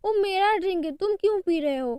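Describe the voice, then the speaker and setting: A hot-tempered young wife who scolds without pause, as a woman narrator puts her on. The voice is very high and mellow. It sounds close and dry. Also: lively intonation, dry recording. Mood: angry.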